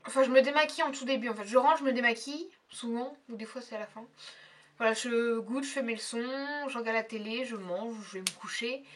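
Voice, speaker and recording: A woman's voice: fairly high pitch, fast, far from the mic. A young woman chatting casually in a beauty tag video, hesitant and full of fillers. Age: young adult. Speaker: beauty vlogger.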